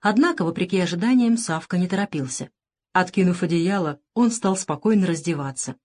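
A woman reading a novel aloud as narrator, steady and expressive. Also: lowish voice. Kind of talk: scripted audiobook narration.

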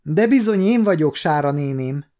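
A man's voice: a little high, big pitch swings, darkish tone. A man reading an audiobook, voicing a tearful young noble girl who cries out. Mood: joyful. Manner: tearful, crying out.

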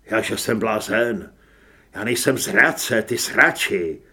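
A man voicing a furious male monster hunter who shouts threats and swears in an audiobook. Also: medium pitch, vocal fry, close to an everyday voice.

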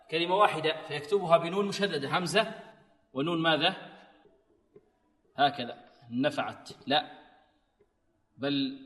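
A man's voice: on the high side, fairly bright tone, distant mic. Man teaching Quran recitation, echoing. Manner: asks rhetorical questions, then slowly chants the verse. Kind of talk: tajweed lesson with rhetorical questions.

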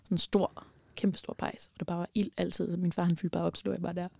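A young woman telling a personal story as a podcast guest, animated and emotional, with many fillers. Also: fairly low pitch, vocal fry, dry recording, studio quality.

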